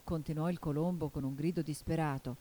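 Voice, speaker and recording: A woman narrating a storybook with expressive, animated delivery. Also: low voice, brisk. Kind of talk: storybook reading.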